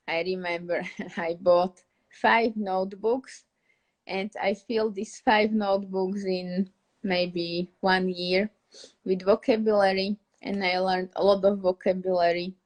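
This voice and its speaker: On a live stream, a young Slovak woman with a Slovak accent teaches English in a casual way. Her voice sits fairly low, and she's chatty, laughing often while she hunts for words.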